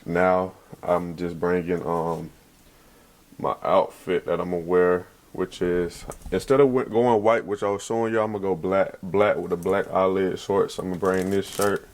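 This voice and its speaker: Rambling young man with a low voice. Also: flat delivery, a little slow. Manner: rambling, loose, thinks out loud and corrects himself; laid-back slangy speech. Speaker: vlogger. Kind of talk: casual vlog talk to camera. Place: at home, then in a car before dawn.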